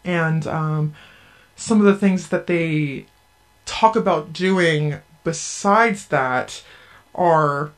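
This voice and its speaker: An anonymous guest in a radio interview, speaking in an earnest, measured way through an electronic voice disguiser. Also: medium pitch. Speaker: anonymous guest, group member.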